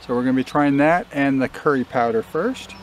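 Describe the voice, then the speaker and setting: A middle-aged man talking casually to the camera on a riverbank, in a relaxed, matter-of-fact way with small restarts. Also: mid-range voice, brisk, a little hiss or hum. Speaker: fishing vlogger. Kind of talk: casual outdoor commentary. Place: riverbank outdoors. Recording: faint outdoor nature ambience.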